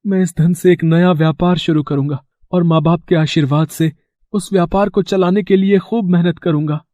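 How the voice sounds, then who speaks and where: A woman's voice: fairly low pitch, fairly even intonation, moderate pace, mellow, dry recording, close to an everyday voice. A woman voicing a simple honest young man. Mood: earnest. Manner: earnest, forgiving. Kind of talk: storybook voice acting.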